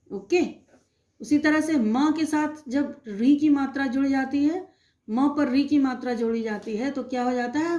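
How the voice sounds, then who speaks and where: A woman teacher slowly and patiently explaining a Hindi phonics lesson to young children, asking them questions as she goes. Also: high-pitched, mellow. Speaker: primary school teacher.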